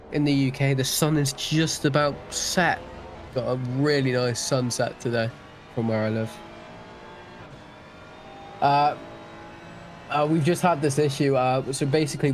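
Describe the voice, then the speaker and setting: Chatty Welshman commentating a sim race. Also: medium pitch. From Wales. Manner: chatty and self-deprecating, often restarting sentences. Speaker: sim racing stream commentator. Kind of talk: live-stream race commentary.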